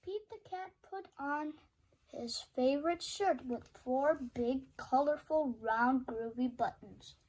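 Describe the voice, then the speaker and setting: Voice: high-pitched, takes it slowly, a little mellow, rough recording. A young reader playfully reading a children's picture book aloud and putting questions to the listener. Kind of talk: children's storybook read-aloud with sung refrains.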